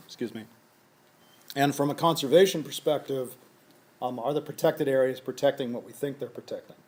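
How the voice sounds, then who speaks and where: Hoarse man lecturing, clearing his throat. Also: mid-range voice, normal speed, long pauses. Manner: methodical, poses a series of questions. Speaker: scientist presenting a lecture. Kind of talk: conference lecture.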